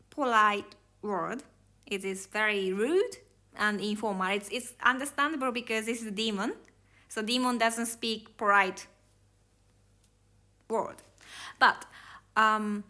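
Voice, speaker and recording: A woman teaching a language lesson, explaining grammar slowly and carefully. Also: fairly high pitch, sharp tone.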